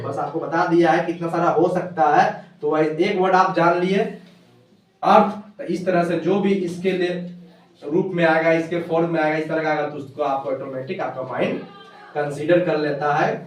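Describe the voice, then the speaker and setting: A man teaching English pronunciation at a board, spelling words out letter by letter and slowing down for English phrases. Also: a little high, steady tone. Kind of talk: whiteboard lesson explaining pronunciation. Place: classroom with a board. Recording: echoey room, voice from far off, faint noise.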